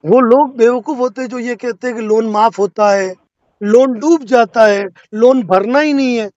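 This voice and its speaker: A man with a very high-pitched, slightly mellow voice speaks at normal speed as a lawyer on a phone call about a loan default. He is persuasive and insistent, repeatedly asking to be heard, in a dull, lo-fi, dry recording.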